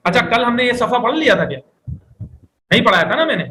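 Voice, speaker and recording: Bright, high-voiced male Arabic teacher. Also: big pitch swings, poor audio. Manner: explains step by step, often asks the class questions; reads Arabic phrases slowly for students to repeat. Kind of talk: classroom lecture. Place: classroom.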